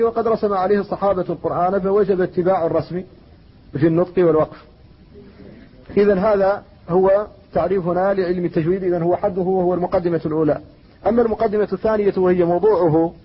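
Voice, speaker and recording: A man from Mauritania, a scholar giving a lecture on Quranic recitation, who speaks in a measured way and slows down to recite verses and poetry. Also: high voice, breathy edge. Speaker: Islamic scholar teaching tajweed. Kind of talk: classroom lecture explaining a text. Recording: dull lo-fi lecture recording.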